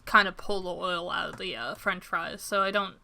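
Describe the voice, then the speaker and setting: A woman's voice: fairly low pitch, moderate pace, creaky, bright, forceful tone. A young woman streaming a farming game, chatting casually and making self-deprecating asides as she plays. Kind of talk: casual gameplay commentary.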